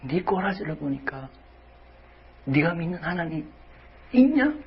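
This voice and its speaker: A man preaching acts out a scornful male mocker who loudly taunts a believer in a high, jeering voice. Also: sing-song, a little slow, breathy edge, lo-fi sound, exaggerated voice. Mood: mocking.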